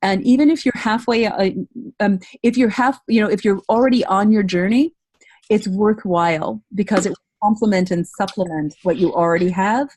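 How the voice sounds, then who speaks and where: A voice-over coach hosts an informal online webinar giving an overview of a training program and taking questions, encouraging listeners and repeating points for emphasis. Her voice is lowish and slightly mellow, with no echo.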